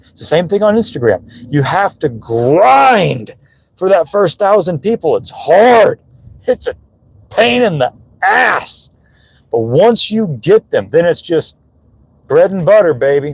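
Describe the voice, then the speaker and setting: Young male vlogger, slightly high voice, dry close phone sound, earnest and emotional motivational talk. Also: slightly rough, no room sound, poor audio. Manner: earnest, emotional, swearing casually. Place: gym.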